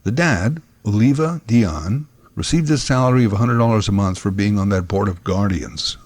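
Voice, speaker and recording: A man's voice: on the low side, expressive, normal speed, darkish tone, no echo. A man giving scripted documentary narration in a conversational way, recorded on a close microphone.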